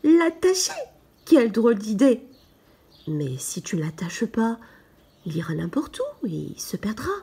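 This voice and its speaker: A woman voicing an earnest, curious little boy prince in a soft, partly whispered storybook reading. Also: fairly low pitch, sing-song, moderate pace, gravelly, husky, pitched below the performer's own voice, full character voice. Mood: wistful. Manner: insistent, wondering questions.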